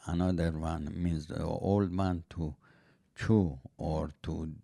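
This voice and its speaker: An older man, not a native English speaker, chatting on a podcast in halting, broken English with many fillers. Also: deep voice, fairly even intonation, creaky, dark tone, no room sound, studio quality. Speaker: podcast guest, host's father. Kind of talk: casual chat.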